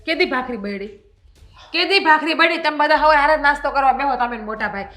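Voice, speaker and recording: A quick-tempered young wife in a family stage drama, played by a woman fires back at her husband in a high, bright voice. She speaks fast and sharp and uses rustic dialect words. Her retorts come rapid and pointed. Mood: indignant. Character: overworked young wife, sharp-tongued and defiant.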